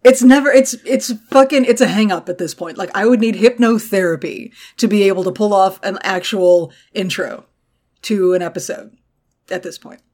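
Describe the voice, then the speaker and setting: A woman's voice: medium pitch, normal speed, a little mellow. Congested, salty-tongued woman co-hosting a podcast. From Texas. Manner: irreverent, salty-tongued, joking. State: congested with allergies. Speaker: podcast co-host. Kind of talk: casual comedic podcast chat.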